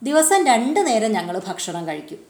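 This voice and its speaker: A gentle alien boy from a children's storybook patiently explains things in a high, lively voice, as a woman reads him. The recording sounds roomy. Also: moderate pace. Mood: explaining. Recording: roomy echo.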